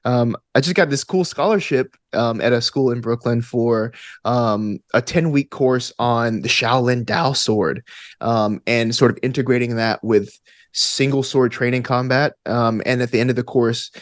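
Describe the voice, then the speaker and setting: Recorded in studio quality with no echo, a medium-pitched man chats casually as an interview guest on a podcast. An actor and tabletop gamer, he comes across enthusiastic and geeky, rambling off on tangents.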